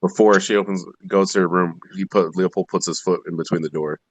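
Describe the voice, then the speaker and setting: A man playing a tabletop game, speaking haltingly and repeating words as he describes his moves. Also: sits low, fairly even intonation, no room sound. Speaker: player. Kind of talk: casual play at a game table.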